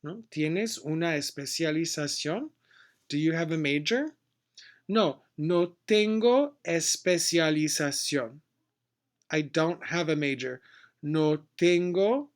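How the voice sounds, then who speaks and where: A man giving a casual language lesson, modeling short phrases slowly and switching between two languages. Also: fairly high pitch. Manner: slow, deliberate modeling of phrases, switching between Spanish and English. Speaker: Spanish teacher.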